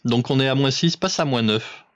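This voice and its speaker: This man, chatting informally about technical matters on amateur radio, guides a fellow operator through settings with an instructive touch. He speaks at medium pitch and a moderate pace, and the recording is dry.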